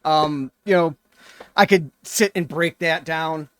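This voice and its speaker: A man's voice: on the high side, takes it slowly, a bit bright, dry recording. A middle-aged man hosting a reaction video, thinking aloud in an earnest, casual way.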